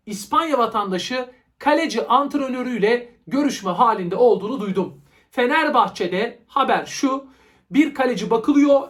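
Male football show host, high voice, explanatory and opinionated, delivering transfer news to viewers. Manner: explanatory, opinionated, uses rhetorical questions.

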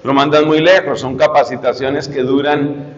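A man's voice: a little high, flat delivery, moderate pace, muffled recording. Man preaching in a reverberant hall. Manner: repeats key phrases, addresses listeners directly. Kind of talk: sermon. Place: church retreat hall.

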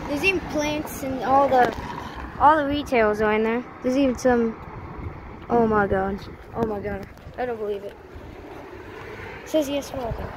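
Holding her phone as she walks, a high-pitched vlogger gives a casual tour of abandoned buildings, from a roadside to an empty shop, saying "oh my god" a lot and repeating herself. She speaks at a moderate pace with frequent pauses as traffic and outdoor sounds come through clearly.

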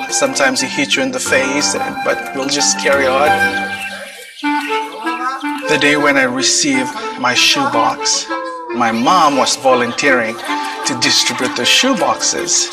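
A man from Fiji telling his earnest, reflective testimony in a mission video, heard as it plays in a church. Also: medium pitch. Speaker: children's ministry worker. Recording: video played over church speakers with loud music, from far off.

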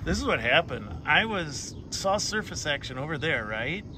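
A man vlogging while fishing at a creek outdoors, excitable and laughing often as he explains his catch. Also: a little high, normal speed. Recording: outdoor noise in background.

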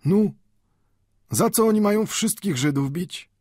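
Brief: an old bookbinder with a Yiddish accent, high and lively, proud and fervent, in a storybook reading. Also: male voice, a little slow, no room sound, clean studio sound. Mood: wry. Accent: Yiddish-inflected Polish. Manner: pleading, rhetorical questions, rising to fervor. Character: old male bookbinder, impassioned, wry, proud.

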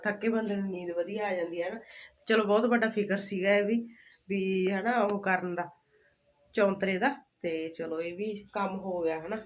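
A middle-aged woman with a rural Malwai Punjabi accent, chatting casually and homely to viewers in a daily village vlog. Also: mid-range voice. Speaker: family vlogger. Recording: faint background noise, home vlog recording.

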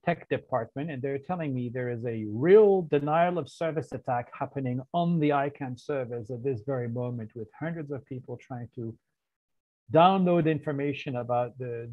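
A man hosting an online quiz social over a video call, casually reading out the answer options with a playful, deadpan humor. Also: mid-range voice. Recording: tinny phone-like line.

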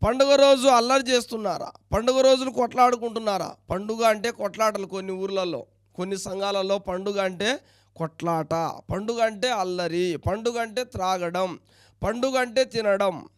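A man preaches, his voice pitched high and ringing clear. He presses the congregation with quick questions and reads scripture between them. The sound is close and dry, with little room echo. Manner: preaching with rapid rhetorical questions, reading scripture aloud. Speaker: pastor. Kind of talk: sermon.

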